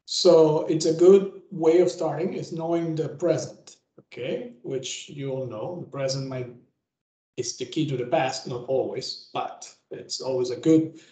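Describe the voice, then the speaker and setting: A man's voice: a little high, unhurried, dark tone. A man, giving a conversational guest lecture over a video call, often restarting phrases and checking in with "okay?". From Venezuela. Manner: rambling, with frequent self-restarts and tag "okay?". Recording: roomy echo.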